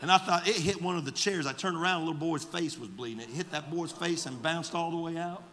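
A male pastor preaching a sermon with fervor, moving between shouted exhortation and quiet storytelling. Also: a little high, fast talker, long reverb tail. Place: church sanctuary.

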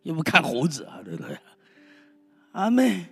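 A male preacher gives a fervent, emphatic sermon, exclaiming and calling out to his congregation. His fairly high voice swings hugely in pitch at a normal speed, with vocal fry and a slightly rough edge. The recording sounds like a reverberant hall with faint music behind him.

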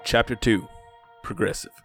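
A man's voice: moderate pace, fairly bright tone, faint music behind. A man narrating a first-person story in a dry, weary telling.

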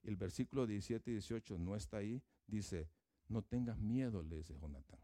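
Mellow-voiced preacher man. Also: lowish voice, brisk, no room sound, studio quality. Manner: conversational, with fillers and informal asides. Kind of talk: sermon.

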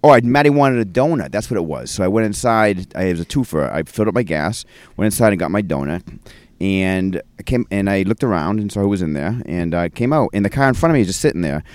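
Deep-voiced New podcast co-host. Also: male voice, expressive, fast, darkish tone, no echo. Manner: rambling, self-correcting storyteller. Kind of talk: casual chat. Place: outdoor home deck.

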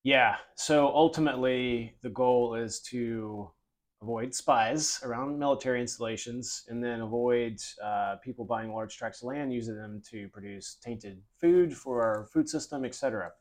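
A man's voice: mid-range voice, normal speed. A man hosting a podcast, explaining steadily in casual chat with the odd filler. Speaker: podcast host.

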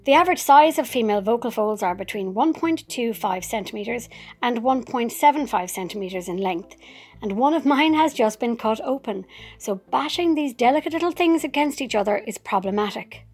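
An actress narrating a personal memoir in a wry, vivid way, with sudden outbursts. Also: female voice, on the high side, animated, fairly quick, darkish tone, breathy edge.

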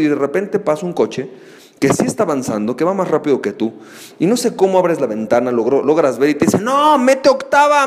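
A man's voice: medium pitch, big-room sound. A man hosting a solo podcast, telling a playful story and acting out voices along the way. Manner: playful storyteller, acts out friends shouting. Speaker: podcast host. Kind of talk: animated solo podcast talk.

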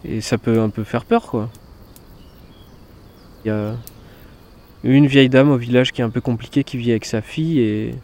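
A young man in his twenties talks in a relaxed, unhurried way, often pausing on fillers and restarting his sentences. His voice sits at a middle pitch. He sounds like someone chatting to a camera crew about his own life. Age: 20s. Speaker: forest cabin dweller. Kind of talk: casual documentary interview. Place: in a forest cabin.

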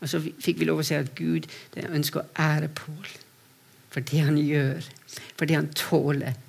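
Speaking on behalf of a mission to persecuted Christians, a high, gravelly-voiced male preacher delivers a sermon full of personal stories. His delivery is flat yet earnest, with repeated words on restarts and shifts between quiet and raised speech.

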